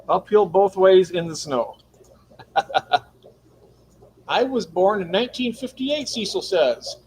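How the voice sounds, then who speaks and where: A man's voice: sits high, lively intonation, slow pace, pauses often, darkish tone, a little hiss or hum, poor audio. A man co-hosting a casual livestream, joking around, laughing often and reading chat comments aloud. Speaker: livestream co-host.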